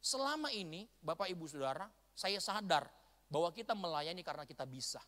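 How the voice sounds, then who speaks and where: A man from North Sumatra preaching an animated storytelling sermon to a church congregation. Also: high voice, a little fast. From Batak, North Sumatra, Indonesia. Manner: animated storytelling, bursts into shouts and laughter. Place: large church hall. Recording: long church-hall reverb.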